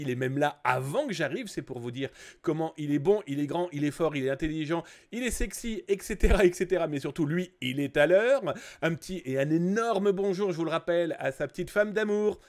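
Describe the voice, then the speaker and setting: Brief: middle-aged man from France, stream host, jokey and teasing, lively swooping voice, a bit high. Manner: playful, jokey, greets viewers by name. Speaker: livestream host. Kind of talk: casual live stream chat.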